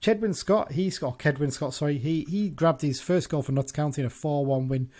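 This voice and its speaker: A man's voice: a little high, fairly quick, a little mellow. A man hosting a casual football podcast, chatting loosely with frequent restarts and self-corrections. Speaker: podcast host.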